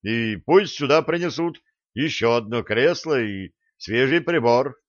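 A man reading an audiobook, voicing a calm, authoritative ship captain in a measured way. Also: mid-range voice, no room sound, dull audio, close to an everyday voice. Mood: firm.

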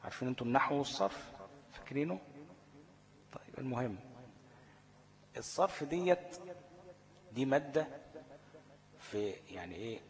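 A man's voice: medium pitch, big pitch swings, moderate pace, pauses often. A man with an Egyptian Arabic accent teaching a tajweed lesson. He asks the class questions, answers them himself and repeats each rule step by step. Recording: long hall reverb.

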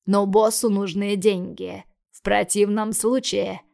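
A crude male debt collector, put on by a woman reader, lowering her voice into a slow, taunting drawl. The tone carries a gravelly edge and is meant to menace, in an audiobook scene. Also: level tone, darkish tone. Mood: menacing sneer.

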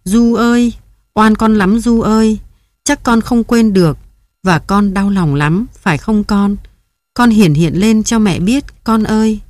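A woman's voice: mid-range voice, measured pace, a little mellow, no room sound, lightly acted. A woman voicing an old mother grieving at her son's grave, calling to him in a tearful, pleading lament.

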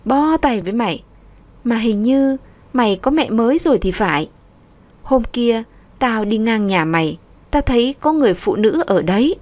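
A woman's voice: a little high, expressive, moderate pace, darkish tone, dry recording, lightly acted. A woman voicing a frank young woman who gives her friend blunt, lecturing advice. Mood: teasing.

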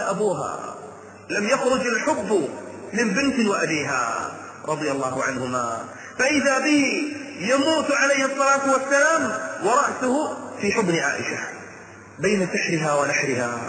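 A high-pitched male preacher delivers a dramatic sermon, swinging between hushed lines and raised cries and chanting verses slowly. His voice rings around a reverberant hall. A clear hiss of noise sits under the recording.

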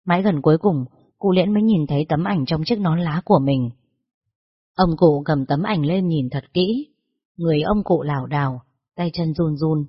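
A narrator reading a story in a steady, measured way. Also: medium pitch, slightly rough. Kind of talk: scripted storytelling. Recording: dull lo-fi recording.

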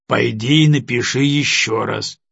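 A man's voice: mid-range voice, unhurried, creaky, a bit bright, breathy edge, no room sound, highs cut off, exaggerated voice. A man reading an audiobook, voicing a stern, sarcastic middle-aged father who speaks coldly and accusingly. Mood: firm. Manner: cold, accusing.

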